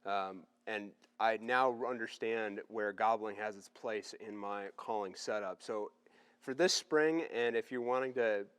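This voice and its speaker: A man's voice: lowish voice, unhurried, fairly bright tone, smooth. A man hosting a product review in a casual, plain-spoken, conversational way.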